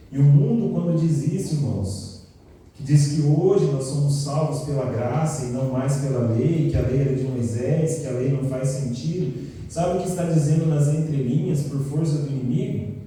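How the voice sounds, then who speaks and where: A man's voice: mid-range voice, a little hiss or hum. A man in his thirties from São Paulo with a São Paulo accent, teaching a Sabbath school Bible lesson and quizzing his class as he goes. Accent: Brazilian Portuguese, São Paulo. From São Paulo state, Brazil. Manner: asks the class questions and answers them, animated storytelling. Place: large church hall. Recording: echoey hall recorded from a distance.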